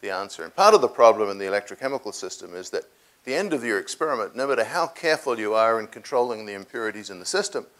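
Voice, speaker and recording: A man's voice: fairly low pitch, animated, a bit bright. Older guy fielding q&a in a big hall, lapel mic, lots of uh and restarts. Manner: halting, with many restarts and fillers. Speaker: guest speaker taking audience questions. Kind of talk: lecture Q&A, technical answers. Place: large lecture hall with seated audience.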